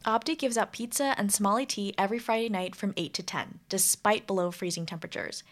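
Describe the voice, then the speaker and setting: A woman narrating a student news report in a clear, measured scripted delivery. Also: mid-range voice.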